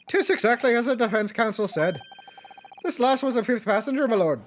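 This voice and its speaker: A man voicing a folksy, deferential gentleman witness like a leprechaun, in lilting stage-for a video game. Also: extremely high pitch, expressive, fairly quick, a little hiss or hum, pitched above the performer's own voice. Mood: deferential, earnest. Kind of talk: theatrical video game character reading.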